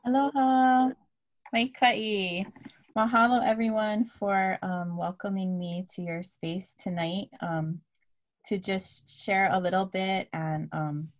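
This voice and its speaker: A Hawaiian woman in her thirties shares her story as a guest speaker on a video call, picked up by a laptop webcam in a dim room at home. Her voice is medium-pitched and she takes it slowly, speaking in a relaxed way with many fillers and sprinkling Hawaiian words into her English.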